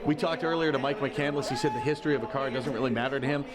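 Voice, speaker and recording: Fast-talking male commentator, crowd behind. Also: medium pitch. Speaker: expert co-commentator. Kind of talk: explanatory broadcast commentary.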